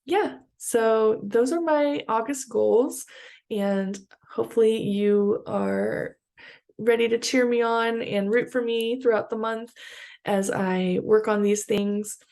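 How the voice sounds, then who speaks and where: A woman's voice: on the high side, slow, a little mellow. A woman vlogger in upbeat, chatty talk to camera, with many fillers. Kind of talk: casual vlog chat.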